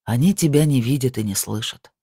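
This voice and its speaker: A narrator voicing a calm, stern male medium who speaks slowly and gravely. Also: medium pitch, no echo, studio quality.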